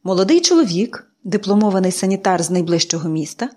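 A woman narrating an audiobook in a calm, measured reading voice. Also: medium pitch. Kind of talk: scripted narration.

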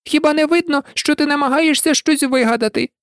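A reader voicing a frantic, shrill female pigeon who scolds and shrieks in a storybook recording. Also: a little fast, no room sound, studio quality. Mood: scornful. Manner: scolding, indignant, breaking into cries. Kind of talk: audiobook reading.

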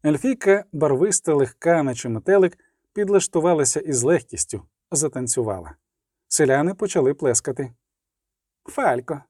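A man's voice: a little high, animated, brisk, warm tone, no room sound, studio quality. A man narrating a fantasy audiobook in a vivid, rhythmic reading style. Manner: vivid, rhythmic, building pace in the action. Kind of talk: scripted fiction narration.

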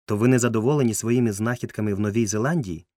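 A man voicing a polite, genteel lady who gently teases her cousin, recorded close and dry. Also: on the low side, fast talker, no echo, close to an everyday voice. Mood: courteous, teasing. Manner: gently teasing, courteous.

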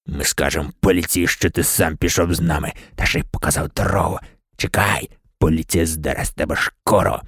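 A man reading an audiobook, voicing a menacing male robber in a low, hushed hiss. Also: steady tone, a little fast, breathy edge, no room sound, studio quality, heavily acted. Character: menacing adult male robber, hissing threats.

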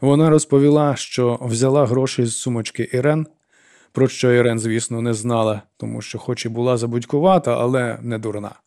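A man narrating a novel in an even, steady reading voice. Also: medium pitch, fairly quick. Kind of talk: audiobook narration.

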